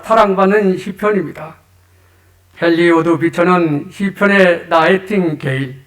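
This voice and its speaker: A middle-aged man, a church elder, preaching a sermon and explaining scripture step by step in a measured way. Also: high voice.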